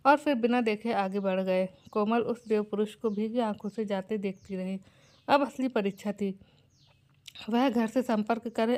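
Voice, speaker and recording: Higher-pitched woman telling a moral story. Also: darkish tone. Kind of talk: emotional scripted narration.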